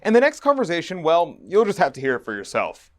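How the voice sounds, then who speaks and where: A man's voice: on the high side, wildly swooping pitch, fast. A man hosting and narrating in an earnest, preachy scripted manner. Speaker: host.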